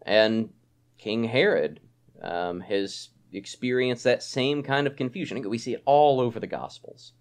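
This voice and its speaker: A man preaching an expository sermon, animated and conversational, often checking in with a rhetorical "right?". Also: mid-range voice, measured pace, clear, resonant tone.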